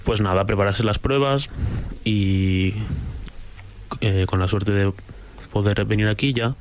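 A young violin student from Valencia answers interview questions in a lowish voice. He speaks in a relaxed, plain way, with a faint ambient noise behind him. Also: slow. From Valencia, Spain. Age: young adult.

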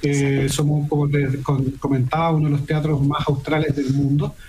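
A man's voice: a little high, flat delivery, moderate pace, darkish tone, a little hiss or hum, poor audio. A man, a theater foundation director, giving formal interview answers over a video call with frequent restarts. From Chile.

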